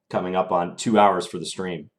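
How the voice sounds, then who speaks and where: In a slightly strained, low-sitting voice, a young man casually thinks aloud while commentating his chess games on a live stream and fielding viewer questions.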